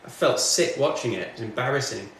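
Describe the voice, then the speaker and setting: Here a man from northwest England, a music streamer, talks fast while he works, casually answering chat comments during his livestream. His pitch is medium and his tone a bit bright. Sound comes from far off mic in a very echoey indoor home studio, with faint noise behind him.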